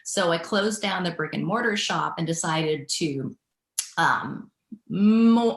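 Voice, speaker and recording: Low-voiced woman in an echoey room. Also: creaky, fairly bright tone. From Thailand. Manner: reflective, easy laughs. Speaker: guest, business founder. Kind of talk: casual interview answers.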